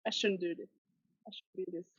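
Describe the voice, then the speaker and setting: A woman hosting a casual online quiz over a video call, playful, reading her clues slowly and clearly. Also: lowish voice, fairly even intonation, dry recording. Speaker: quiz host. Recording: dull lo-fi video call audio.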